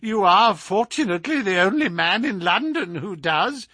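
Brief: man playing a sneering male villain, high-pitched and bright, husky edge, pitch swooping as he taunts. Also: expressive, moderate pace, dry recording, studio quality, exaggerated voice. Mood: taunting. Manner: mocking and taunting. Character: sneering, cruel middle-aged male visitor.

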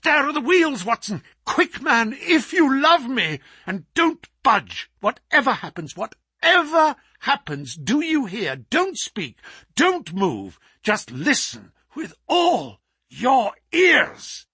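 A man voicing a brilliant, feverish male detective who speaks crisply and urgently. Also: high-pitched, expressive, normal speed, fairly bright tone, no room sound, studio quality, pitched above the performer's own voice, exaggerated voice. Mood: commanding.

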